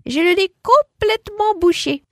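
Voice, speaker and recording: A woman voicing a brave, cheerful little girl in a storybook reading, with an eager, bright child voice. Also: very high-pitched, animated, a little slow, dry recording, clean studio sound, voice pushed up.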